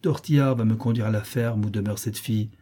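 A man voicing a cold, calculating brigand in an audiobook, calm and authoritative. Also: lowish voice, brisk, natural voice. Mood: commanding.

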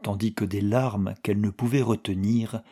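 A man narrating an audiobook in a measured, expressive way. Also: on the low side, breathy edge. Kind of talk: audiobook reading.

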